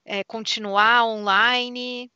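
A woman's voice: on the high side, steady tone, drawn-out words, sharp tone, clear, resonant tone, no echo, dull audio. A woman hosting a live interview, enthusiastic and reading out viewer questions. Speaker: live stream host. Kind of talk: casual interview chat.

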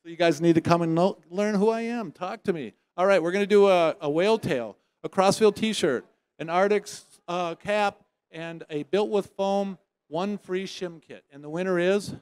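In a dry recording, a high-pitched man with a smooth voice runs a prize drawing at a trade show lounge at a moderate pace. He teases winners playfully, jokes through his emcee patter, and now and then gets loudly excited.

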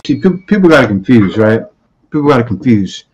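A man in his forties gives casual, blunt reaction commentary, animatedly talking back at clips into a studio mic held close in a small room. His mid-range voice moves briskly, the highs are cut off, and crowd noise can be heard.

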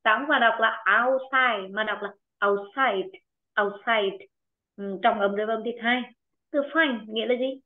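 A woman teaching an online English pronunciation lesson with a Vietnamese accent, encouraging students and repeating words slowly for them. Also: on the high side. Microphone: video call. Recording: tinny phone-like video call audio.

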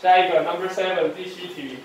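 A man teaches English phonics in a one-on-one drill, his high voice steady and a little fast, giving every sound twice and scolding lapses in attention. The recording has faint noise and strong room echo, with the mic far from him.

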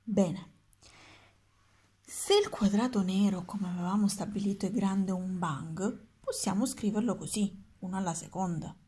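A woman's voice: mid-range voice, a little slow, warm tone, slightly rough. A woman voicing an impatient old male wizard of numbers in a storybook, by turns coaxing and triumphant.

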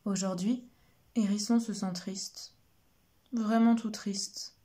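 A woman reading a children's picture book aloud, gentle and expressive. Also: mid-range voice, takes it slowly. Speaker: storyteller.

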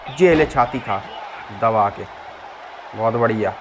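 A man's voice: lowish voice, slow pace. Rowdy trash-talking man over game crowd. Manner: rowdy trash-talking, mocks the figures on screen. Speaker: gameplay commentator. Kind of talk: casual live game commentary. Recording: game crowd roar and game noise behind. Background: wrestling game crowd and sound effects.

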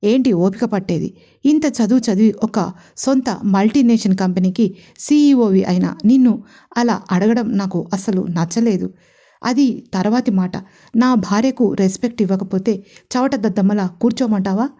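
A protective young husband speaks firmly and forcefully, with a teasing edge, read by a woman narrator. The voice is mellow and warm. It is a romance audio story. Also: medium pitch, normal speed, lightly acted. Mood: angry. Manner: firm and forceful.

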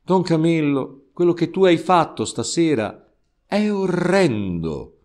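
A man's voice: fairly high pitch, sing-song, takes it slowly, darkish tone, voice pushed up. A man doing a solemn, reproving Christ. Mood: stern. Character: stern but kindly Christ speaking from the cross.

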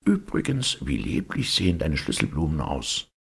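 A man's voice: rumbling low, wildly swooping pitch, normal speed, vocal fry, a bit bright, breathy edge, full character voice. A man voicing a pompous, self-righteous miller who lectures in a preachy, self-satisfied way, in a storybook reading. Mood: lofty.

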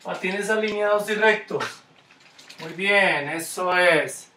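A man's voice: high-pitched, slow, sharp tone, echoey room, far from the mic, a little hiss or hum. A man with a Colombian Spanish accent teaching a kids' skating class online, coaching with encouraging, repeated cues. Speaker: skating instructor.

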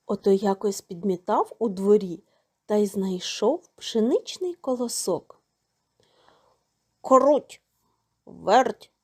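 A woman reading a folk tale aloud to children in a slow, singsong storybook narration. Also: mid-range voice, sing-song, warm tone, breathy edge.

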